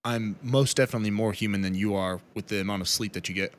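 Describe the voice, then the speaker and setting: A man's voice: lowish voice, quick pace. A man chatting casually as a podcast co-host, teasing and self-deprecating.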